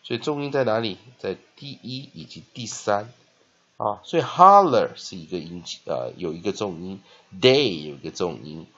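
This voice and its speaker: A man teaching English vocabulary, spelling words out letter by letter and filling pauses with short fillers. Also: fairly low pitch, expressive, a bit bright, slightly rough, dull audio. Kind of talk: spelling and phonics lesson.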